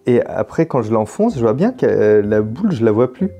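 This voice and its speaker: A man's voice: mid-range voice, sing-song, brisk, dark tone, faint music behind. A French man hosting a puzzle video, thinking aloud casually as he works, with jokes and mild swearing. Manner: casual, swears in surprise, jokey.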